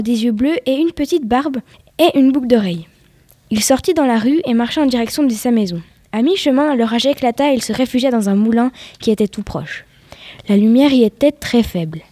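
A woman's voice: fairly high pitch, fairly quick, mellow, no room sound. A woman reading a suspense story aloud, sometimes sinking into a whisper at tense moments. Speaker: story reader.

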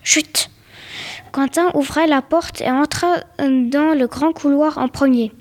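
A woman's voice: high voice, a little slow, darkish tone. A woman reading a short storybook tale aloud, telling it plainly and now and then stumbling or repeating a word.

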